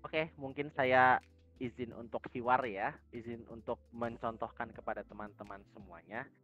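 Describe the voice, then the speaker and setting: A man with an Indonesian accent teaching an online language lesson, explaining calmly and reading dialogue lines slowly. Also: soft background music. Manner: reads dialogue lines slowly with a raised pitch; explains calmly to the group in a casual way. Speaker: Arabic teacher. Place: voice chat on a community server. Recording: dull lo-fi voice chat audio.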